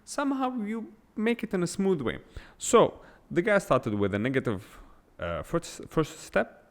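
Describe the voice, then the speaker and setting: A podcast host speaks without a script in an unscripted solo monologue, blunt and emphatic, firing off rhetorical questions in English, which is not his first language. His voice is high-pitched and sing-song at a measured pace, and the sound has a big-room quality.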